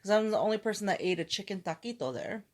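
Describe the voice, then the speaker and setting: A woman's voice: medium pitch, animated, fast. A woman podcast co-host chatting casually in a candid, joking way, with some swearing. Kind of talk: casual chat.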